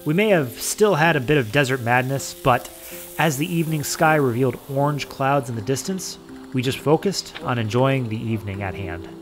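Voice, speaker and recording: A man's voice: mid-range voice, animated, normal speed. Easygoing male narrator over music.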